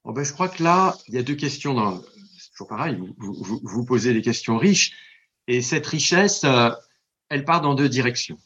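A man's voice: medium pitch, moderate pace, husky, lo-fi sound. A man, a translator and scholar, giving a long, digressive radio interview answer with stammering restarts. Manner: digressive, stammering restarts, lively demonstrations of recited verse. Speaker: translator and scholar of ancient Greek. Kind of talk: radio interview, explaining at length.

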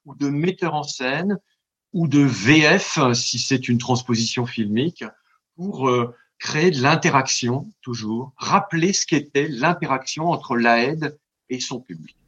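A man's voice: medium pitch, measured pace, breathy edge. A man, a translator and scholar, giving a long, digressive radio interview answer with stammering restarts. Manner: digressive, stammering restarts, lively demonstrations of recited verse. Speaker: translator and scholar of ancient Greek. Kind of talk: radio interview, explaining at length.

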